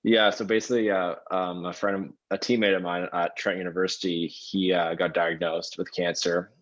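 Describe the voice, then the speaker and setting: A man's voice: low-pitched, level tone, moderate pace, dull audio. A man in his twenties with a Canadian accent, chatting casually as an interview guest. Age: 20s. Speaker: bone marrow donor, interview guest. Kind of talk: casual conversation.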